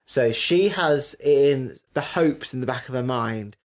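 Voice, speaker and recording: A man's voice: mid-range voice, animated, slow. Emphatic, argumentative man. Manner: emphatic, argumentative, talks over his co-host. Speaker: podcast co-host. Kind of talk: casual chat.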